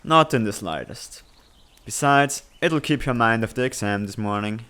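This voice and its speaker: In a comic fan dub, a man voices an earnest, responsible, tech-savvy teenage student, speaking in a measured, slightly formal, exasperated way with a dry, composed mood. His voice is lowish, pushed and bright, with a clean tone.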